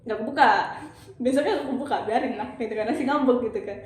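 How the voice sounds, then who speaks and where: A young adult woman telling a counselor a personal story in a casual, animated way, acting out quoted dialogue with lots of fillers. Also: a little high, quick pace. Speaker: counseling client. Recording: very echoey room with faint background noise.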